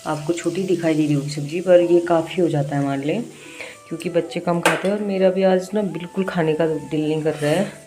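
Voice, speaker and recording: A woman's voice: deep voice, fairly even intonation, a little fast. A young woman chatting casually at home while her child cries, fondly scolding the child now and then, with a headache. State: has a bad headache. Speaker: vlogger, mother. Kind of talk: casual home vlog chat. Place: home, indoors.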